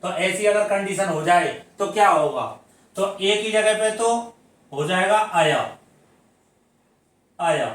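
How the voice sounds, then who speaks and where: Once more the fairly high-voiced man teaches Hindi grammar, his tone fairly bright and his pace relaxed. He asks questions, answers them himself, and stretches words out syllable by syllable to illustrate. The audio is very echoey, with his voice well away from the mic.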